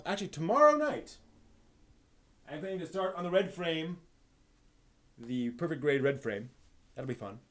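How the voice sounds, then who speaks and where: A man with a medium-pitched voice hosts a casual live stream, thinking out loud in an analytical, explanatory ramble. He frequently stops and repeats words along the way.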